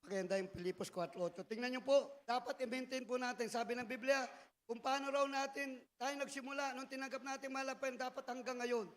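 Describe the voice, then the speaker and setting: A male preacher delivering a fervent sermon, often bursting into shouted exclamations. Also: extremely high pitch, steady tone, fairly quick.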